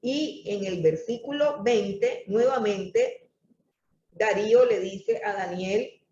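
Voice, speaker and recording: Woman Bible teacher, deliberate and emphatic; distant, dull recording with faint hiss. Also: medium pitch, mellow. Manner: slow and emphatic, repeats key words for stress. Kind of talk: Bible study lesson. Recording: distant, echoey, muffled room recording with faint noise.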